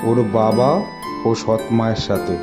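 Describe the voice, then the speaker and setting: A man narrating a children's cartoon story in an even, storytelling manner. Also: lowish voice, measured pace. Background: music.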